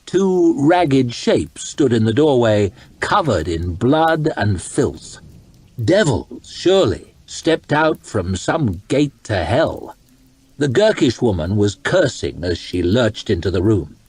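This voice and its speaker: A man calmly reading a story aloud in an ASMR storytime style, slow and dramatic. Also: mid-range voice, breathy edge, no room sound.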